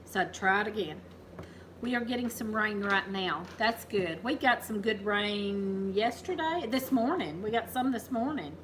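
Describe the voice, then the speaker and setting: A woman's voice: medium pitch, lively intonation, unhurried, a bit bright, a little hiss or hum, poor audio. Chatty woman hosting a farm livestream. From Kentucky, USA. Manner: chatty, laughs easily, teasing. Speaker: farm channel host. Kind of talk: casual livestream chat.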